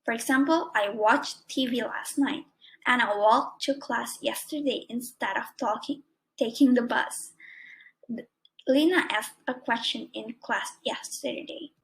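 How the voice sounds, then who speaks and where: A woman's voice: on the high side, measured pace, fairly bright tone, poor audio. A young woman student with an Indonesian accent, reading a prepared grammar lesson carefully, word by word. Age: young adult. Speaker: student presenter.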